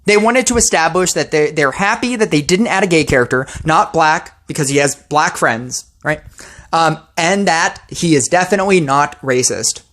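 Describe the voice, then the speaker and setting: A woman's voice: low voice, normal speed, a bit bright. A woman posting a ranting commentary video about a mobile game, sarcastic and exasperated.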